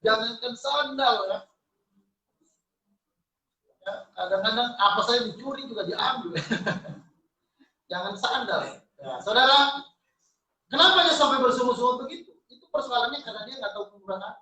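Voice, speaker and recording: A man preaching a lively, joking sermon to his congregation, calling out to them. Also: very high voice, normal speed, long pauses. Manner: lively, jokey preaching with congregation call-outs. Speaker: pastor. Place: church hall. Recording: echoey church hall from far off.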